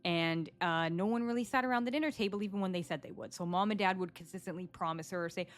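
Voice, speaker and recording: A woman in her forties hosting a casual solo podcast, chatty and animated, telling stories and acting out what her clients say. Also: lowish voice, fast. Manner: chatty, animated storytelling, acts out quoted clients. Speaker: psychic podcast host. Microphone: studio microphone.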